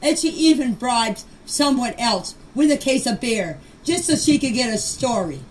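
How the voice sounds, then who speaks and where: In noisy, amateur voice-message clips, an older woman gives an unscripted account of her own experience. She sounds animated and somewhat high-pitched at a normal speed, pressing her point emphatically and defensively by repeating phrases.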